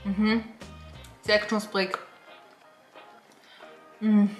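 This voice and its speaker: A woman's voice: mid-range voice, flat delivery, extremely slow. A woman food vlogger, frank and opinionated, talking while chewing during a casual taste test. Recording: echoey room, faint music.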